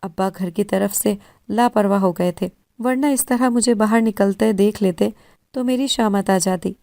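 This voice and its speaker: A woman reads a first-person moral story in a steady, scripted way. Her voice is soft and mellow. It is recorded close and dry, with no room sound. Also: medium pitch, no echo.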